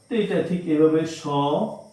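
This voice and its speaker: A man's voice: a little high, normal speed, warm tone, recorded from a distance. A man teaching a reading lesson, patiently repeating each sound several times over. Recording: very echoey room.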